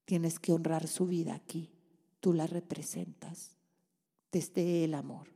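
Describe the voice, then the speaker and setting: A woman's voice: deep voice, little pitch movement, slow, warm tone, slightly rough, big-room sound. A woman, reading out and answering listeners' letters in a tender advice monologue, full of soothing endearments. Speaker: relationship advice host.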